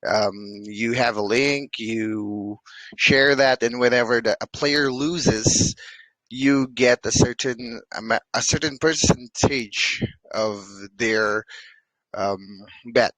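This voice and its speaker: A man hosting a community interview and asking questions in a deliberate way. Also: medium pitch, fairly bright tone, no echo, low-quality recording. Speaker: AMA host.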